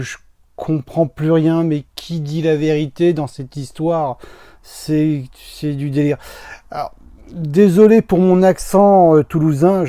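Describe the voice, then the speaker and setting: Male ranter, slightly high, dry sound, theatrically lost and fed up. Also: warm tone, no echo. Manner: exasperated, bewildered, theatrical sighs.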